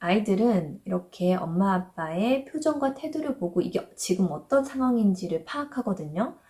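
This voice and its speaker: A woman in her thirties explaining parenting advice in a gentle, reassuring way, sometimes voicing the worried thoughts of parents and children. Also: mid-range voice, animated, normal speed. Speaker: parenting educator.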